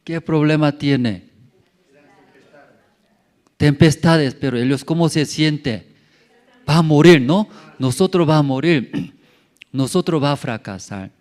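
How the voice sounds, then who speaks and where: This male pastor has a fairly high-pitched voice and preaches slowly, pausing often. His church sermon leans on rhetorical questions and repeated words, shifting from loud calls to near murmurs, with some grammar that sounds non-native.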